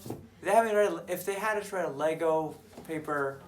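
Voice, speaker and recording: A young man co-hosting a casual gaming chat, easygoing and quick to laugh. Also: on the high side, very noisy. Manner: easygoing, laughs a lot, says "dude" and "nice". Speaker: podcast co-host.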